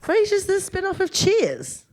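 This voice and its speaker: Animated woman comedian, chatty. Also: extremely high pitch, measured pace. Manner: animated, rambling, self-mocking. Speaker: comedian guest. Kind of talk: casual podcast chat.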